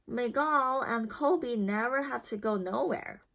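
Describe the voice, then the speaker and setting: Storybook young boy, acted by a woman: high, complaining, curious, colloquial. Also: unhurried, creaky, fairly bright tone. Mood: sulky. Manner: questioning, plaintive, colloquial.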